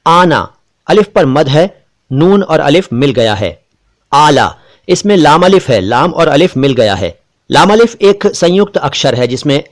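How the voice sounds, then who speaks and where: A man, hosting a spelling lesson and explaining words slowly and carefully, letter by letter. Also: a little high. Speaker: Urdu language teacher.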